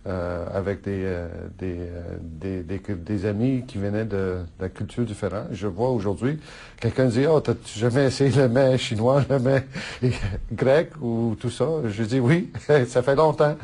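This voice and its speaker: A middle-aged Italian politician, whose first language is Italian, answers interview questions haltingly, with many fillers and restarts, laughing often. His voice is on the low side and warm.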